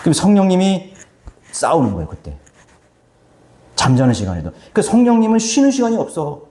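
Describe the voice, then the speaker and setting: A male pastor preaching a sermon with animated delivery, acting out quoted voices. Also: sits high, fairly quick, echoey room. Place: church sanctuary.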